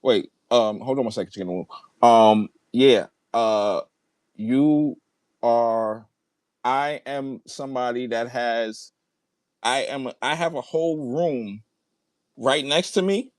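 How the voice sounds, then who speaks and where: A man's voice: medium pitch, slow, a little mellow, no room sound. A man in a heated online debate, arguing emphatically and swearing as he repeats his points. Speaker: debate participant. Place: large room at home.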